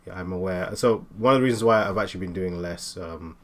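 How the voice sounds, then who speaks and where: A man in his late twenties chatting casually while he draws, talking in halting bursts with many fillers and restarts. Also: low-pitched. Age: 20s. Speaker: art streamer. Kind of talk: casual chat while drawing.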